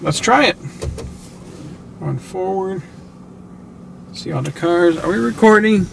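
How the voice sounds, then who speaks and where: A man hosting his own channel, narrating casually while driving, excited and chatty with lots of fillers, recorded inside a moving car on a mounted camera. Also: high voice, takes it slowly, creaky. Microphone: camera on a suction mount. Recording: noisy car interior. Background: car road noise.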